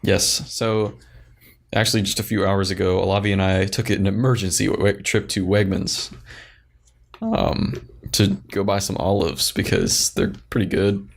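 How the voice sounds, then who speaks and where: A man's voice: low-pitched, fairly even intonation, normal speed, gravelly. A young man co-hosting a podcast in casual chat, blunt and grumbling about people. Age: young adult. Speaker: podcast co-host.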